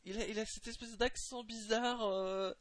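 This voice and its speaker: A man's voice: sits high, steady tone, moderate pace, a bit bright, no room sound. A man commenting on a film with a co-host, making teasing, sarcastic wisecracks. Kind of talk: casual film commentary chat.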